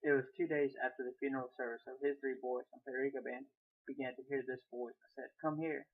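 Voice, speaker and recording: A man's voice: medium pitch, level tone, fast talker. A young man reading his own short story aloud, plainly, with small restarts, on a tinny phone-like recording. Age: young adult.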